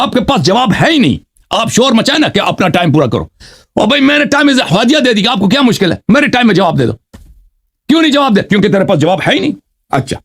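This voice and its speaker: A man hosting a heated live religious debate, insistent and combative, who keeps pressing his opponent for answers and recites scripture slowly between quicker arguments. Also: sits high, fairly bright tone. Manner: cites scripture slowly, then speeds up to argue. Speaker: debater and channel host.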